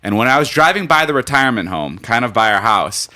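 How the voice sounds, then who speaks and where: Podcaster in his 20s, male, very lively swooping delivery, swears a lot, goes high for quoted lines. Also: quick pace. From United States. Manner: animated storyteller, swears often, voice leaps up when acting out quotes. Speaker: podcast co-host. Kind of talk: casual podcast chat.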